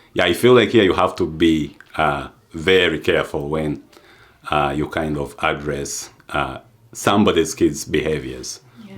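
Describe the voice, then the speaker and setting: A young man from Uganda with an extremely deep voice talks through his own story. He speaks unhurriedly and thoughtfully, often pausing on fillers and restarting phrases. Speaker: adoptee sharing experience. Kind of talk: reflective testimony.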